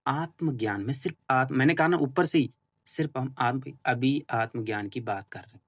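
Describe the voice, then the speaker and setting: Speaking at a moderate pace in a medium-pitched, slightly bright voice, a man hosting a spiritual talk explains things earnestly and informally. He repeats himself, restarts often, uses many fillers, and confesses he's still learning.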